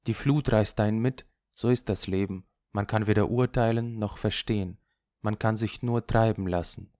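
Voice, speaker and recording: A male reader voicing a restless, tearful young woman in an audiobook, raising his voice and pitch for her. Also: steady tone, moderate pace, darkish tone, no room sound, clean studio sound, lightly acted. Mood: weary. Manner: raised, emotional voice for a female character. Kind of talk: audiobook character voice.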